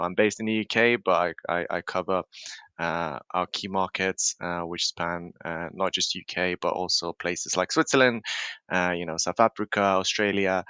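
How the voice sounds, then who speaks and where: A man from Lithuania speaks as a podcast guest with a low, smooth, resonant voice. His tone is bright and forceful, and the recording is dry and close. He explains things in a measured way, with frequent ums and uhs. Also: no room sound. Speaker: podcast guest, marketing professional. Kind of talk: conversational interview answers.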